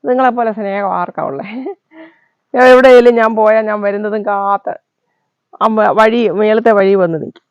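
Home vlogger, woman, mid-pitched voice, affectionate coaxing pet talk, dry close sound. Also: moderate pace, pauses often, smooth, no echo, dull audio. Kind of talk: casual vlog chat while caring for a pet dog.

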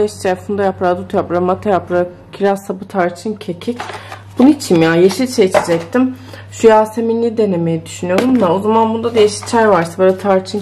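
A woman's voice: mid-range voice, noisy background. A woman chatting casually in a home vlog, thinking aloud and easily amused, with faint music behind her. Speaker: vlogger. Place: home kitchen.

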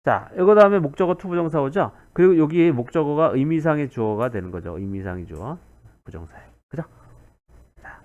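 Animated man teaching grammar, lo-fi. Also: on the high side, brisk. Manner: animated, repeats key words, asks 그죠 often. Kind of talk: recorded grammar lecture.

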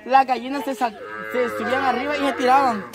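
Very high-voiced Salvadoran man. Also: fast. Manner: lively, imitates sounds. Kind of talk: casual storytelling. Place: outdoors on a farm. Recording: loud group chatter behind.

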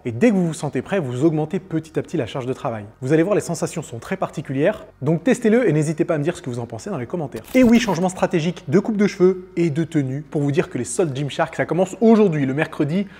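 A man explaining gym exercises in a quick, upbeat fitness tutorial, including a sponsor read. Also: fairly high pitch, lively intonation, dark tone, slightly rough. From France. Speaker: fitness coach.

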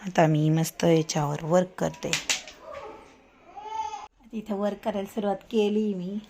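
A woman's voice: lowish voice, a little slow, dark tone, slight background noise. A woman vlogging at home, chatting to the camera about her day in a casual way. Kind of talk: casual home vlog chat.

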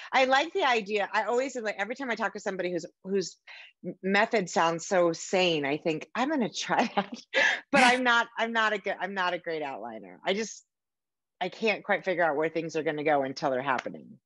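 A middle-aged American woman, a podcast host and author, chats casually while hosting an interview over a video call from an indoor room at home. Her voice is medium-pitched and fairly bright with no echo, though the video-call audio is slightly dull.

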